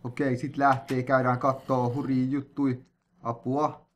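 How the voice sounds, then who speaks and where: Excitable man narrating his gameplay. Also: mid-range voice, a little hiss or hum. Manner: excitable, jokey, with sudden yelps and sing-song noises. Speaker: gamer playing a player-made map. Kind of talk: let's-play commentary.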